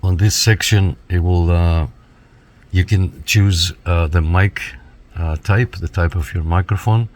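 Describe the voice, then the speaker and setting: Speaking in a deep, steady voice without hurrying, a radio reviewer walks viewers through a piece of equipment. The demonstration is casual and hands-on, delivered step by step like a lesson.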